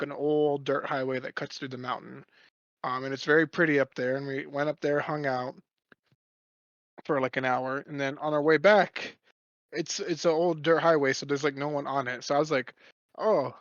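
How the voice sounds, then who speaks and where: A man's voice: a little high, fairly even intonation, normal speed, fairly bright tone, no echo, dull audio. A young man casually co-hosting a podcast, telling a rambling story full of swearing. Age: young adult. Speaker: podcast co-host.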